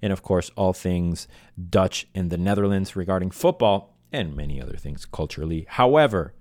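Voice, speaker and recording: A man's voice: low-pitched, animated, normal speed, darkish tone, no echo, clean studio sound. A man hosting a casual, unscripted solo fan podcast, speaking in an emotional and passionate way. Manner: emotional, feelings-led, passionate delivery. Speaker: podcast host.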